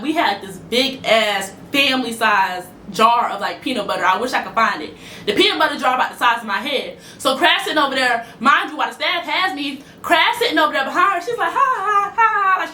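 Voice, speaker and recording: Young woman storyteller, bright and rapid, echoey room. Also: on the high side, a little hiss or hum. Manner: animated, fast-talking, acts out quotes. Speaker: storytime vlogger. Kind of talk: casual storytelling to camera.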